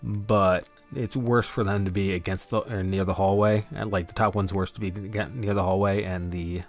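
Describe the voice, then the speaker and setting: A man with a deep voice streams his game prep casually, rambling and thinking aloud to himself as he works. He talks at a normal speed with fairly even intonation, and soft music plays in the background.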